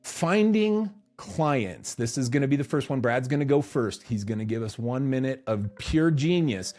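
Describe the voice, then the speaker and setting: In a recording studio, a male podcast co-host chats casually and jokes, often laughing. His mid-range voice is animated and a little mellow, at a moderate pace.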